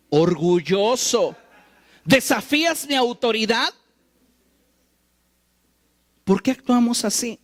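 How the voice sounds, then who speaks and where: A man preaching a sermon, animated and wry, acting out the quoted lines he tells. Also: extremely high pitch. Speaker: pastor.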